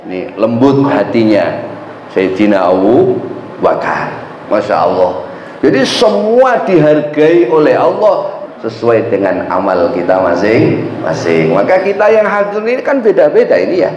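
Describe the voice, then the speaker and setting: A man's voice: mid-range voice, measured pace, a little hiss or hum. A man preaching a sermon in a mosque, telling stories with energy and often asking the congregation questions. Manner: lively storytelling, asks the congregation. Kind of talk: sermon storytelling. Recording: echoey, dull lo-fi mosque recording.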